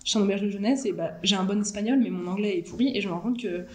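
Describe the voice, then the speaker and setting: Fast-talking young French woman. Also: medium pitch, echoey room, a little hiss or hum. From France. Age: 20s. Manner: chatty, lots of fillers, laughs easily. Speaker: interview guest, student. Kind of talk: casual chat over a video call. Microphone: video call.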